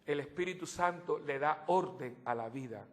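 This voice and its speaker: A male priest preaches a homily in a fairly high voice. He is animated and tells jokes to his congregation. His delivery swings from loud exclamations to quiet, dropped asides. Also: moderate pace. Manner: swings between loud outbursts and soft low asides. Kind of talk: sermon.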